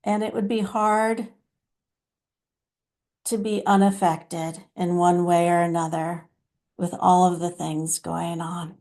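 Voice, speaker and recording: A patient, loving divine mother spirit, channeled by a woman, speaking in a very slow, unhurried way. Her voice is mellow and soft, and she addresses listeners tenderly as her children in a channeled spiritual message. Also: on the low side, little pitch movement. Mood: compassionate.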